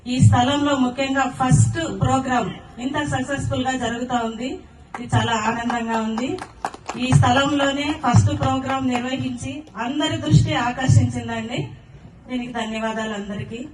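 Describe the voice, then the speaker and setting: A woman's voice: sits high, steady tone, moderate pace. A woman giving a polite, formal welcome address that greets and thanks the guests. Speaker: event speaker greeting guests. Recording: noisy echoey hall from far off.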